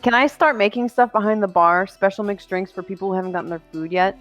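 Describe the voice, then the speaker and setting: A woman's voice: medium pitch, fast talker, a bit bright, soft background music. A woman chatting in casual slang as a player in a tabletop game.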